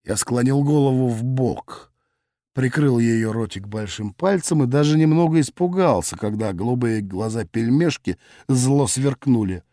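A man's voice: medium pitch, a little slow, warm tone, no room sound. Man narrating an audiobook, dry sound. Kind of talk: first-person audiobook narration.

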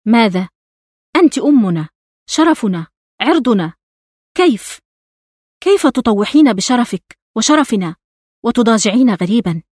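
A woman reading an audiobook voices outraged grown daughters who shout accusations at their mother. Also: a little high, sing-song, moderate pace, pauses often, no echo, clean studio sound.

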